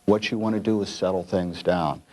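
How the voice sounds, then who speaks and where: A man speaking as a calm hostage negotiator, explaining in a measured way in an interview. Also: sits low, rough recording. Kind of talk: interview commentary.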